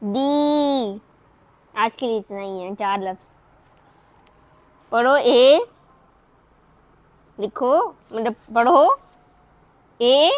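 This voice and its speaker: High-voiced woman coaxing playfully. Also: animated, drawn-out words, pauses often. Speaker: family vlogger. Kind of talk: casual vlog.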